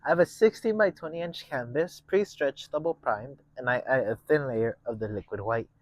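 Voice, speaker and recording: A man hosting a painting lesson, talking through each step casually in a gentle, encouraging manner. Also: medium pitch, normal speed, no echo. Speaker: painting instructor and show host.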